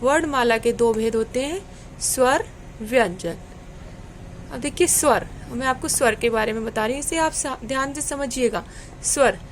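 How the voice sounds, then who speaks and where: High-voiced patient woman teacher. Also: a little hiss or hum. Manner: slow, patient, repeats and quizzes the pupils. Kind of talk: online Hindi grammar lesson for children.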